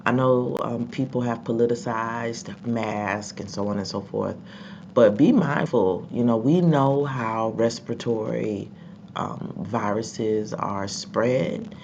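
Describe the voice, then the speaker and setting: Gravelly and mid-range, this voice belongs to a congested, sick vlogger giving casual commentary, rambling with lots of ums and repeated words. Faint background noise sits under a dull, lo-fi recording.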